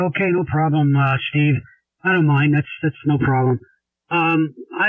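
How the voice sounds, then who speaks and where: Over ham radio, an amateur operator chats in a rambling, folksy, enthusiastic way, his voice fairly high with no room sound. He uses a desk radio microphone, and the shortwave transmission sounds narrow and phone-like.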